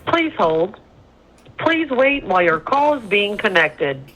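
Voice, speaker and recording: A woman's voice: mid-range voice, sing-song, takes it slowly, a bit bright. A woman's recorded voice giving automated prompts on a prison phone line, in a clipped and formal way. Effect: automated prison phone line message. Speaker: automated jail phone system announcer. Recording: dull lo-fi phone line with faint hiss.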